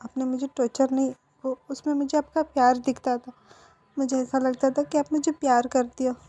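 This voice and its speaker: A woman's voice: high voice, flat delivery, warm tone. Woman voicing a tearful young man pleading with his mother. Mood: soft. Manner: tearful, halting, stammering.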